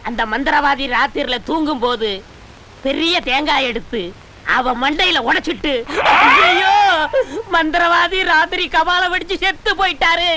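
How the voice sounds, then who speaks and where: A man's voice: very high voice, normal speed, noisy background. An actor playing a cheeky, scheming male disciple who whines and wails when beaten in a film comedy. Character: sly scheming male disciple, a former convict. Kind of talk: Tamil film comedy dialogue.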